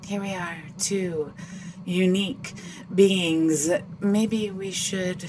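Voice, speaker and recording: A woman's voice: medium pitch, steady tone, extremely slow, noisy background. An actress playing a playful female android who reads minds and taunts her opponent with laughs. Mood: teasing. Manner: teasing, mocking, laughs between lines. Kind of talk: audio drama acting.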